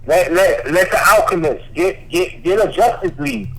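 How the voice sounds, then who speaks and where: A man's voice: high-pitched, sing-song, normal speed, vocal fry, background noise. A man co-hosting a podcast in casual, heated chat, talking emphatically and cutting in to make his point. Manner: emphatic, keeps cutting in with "listen". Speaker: podcast co-host.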